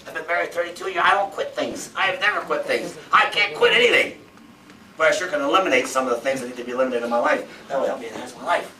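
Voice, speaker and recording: High, bright-voiced man in his fifties. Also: rapid-fire. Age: 50s. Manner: emphatic, repetitive, rhetorical questions. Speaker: seminar speaker. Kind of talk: motivational seminar talk. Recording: roomy, from far off, faint background noise.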